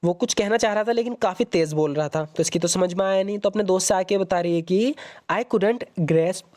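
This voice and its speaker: Man slowly explaining English phrases. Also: sits high, a little mellow. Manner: repeats English sentences slowly, then translates. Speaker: English teacher. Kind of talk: explaining movie lines in Hindi.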